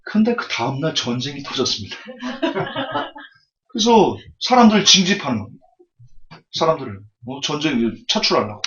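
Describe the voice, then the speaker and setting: A man preaching a sermon with storytelling, lively and humorous, speaking straight to his listeners, on a dull lo-fi recording. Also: fairly high pitch, normal speed, pauses often. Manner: lively, humorous, addresses the audience directly.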